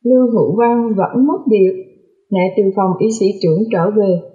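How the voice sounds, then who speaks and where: A woman's voice: medium pitch, normal speed. A woman narrating a novel in the first person, raising her voice for the characters' lines. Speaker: audiobook narrator. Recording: phone-like lo-fi audio.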